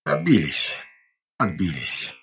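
A man voicing a weary, gruff young noble heir commanding troops in an audiobook, curt and grumbling. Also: fairly low pitch, very animated, normal speed, fairly bright tone, a little hiss or hum. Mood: weary relief.

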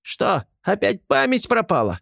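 A man voicing a small, cowardly male creature who pleads in a shrill voice. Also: wildly swooping pitch, unhurried, gravelly, a bit bright, no echo, studio quality, heavily acted. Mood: pleading.

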